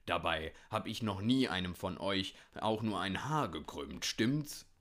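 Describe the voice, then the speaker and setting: A man voicing a grumpy old male hunter in a storybook, talking in a gruff grumble. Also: sits low, animated, measured pace, fairly bright tone. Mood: grumbling.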